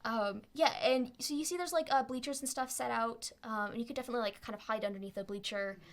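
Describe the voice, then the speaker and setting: A woman working as game master, improvising tabletop narration in a halting, playful, casual storytelling way. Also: fairly high pitch.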